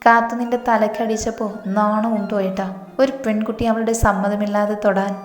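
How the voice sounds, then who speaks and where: A woman's voice: mid-range voice, level tone, moderate pace, lightly acted. A woman voicing a protective, scolding young man. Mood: angry. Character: protective young man, angry older brother figure. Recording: echoey room with soft music.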